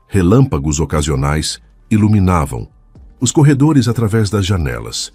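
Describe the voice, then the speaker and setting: Male narrator, very low voice, husky, measured dramatic storytelling. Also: darkish tone, no room sound. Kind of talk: scripted narration.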